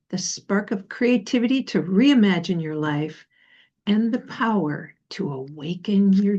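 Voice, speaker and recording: Slow-paced woman guiding a meditation. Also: mid-range voice, lo-fi sound. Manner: gentle, unhurried, pausing between phrases. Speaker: guided meditation leader. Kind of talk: guided meditation, slow and soothing narration.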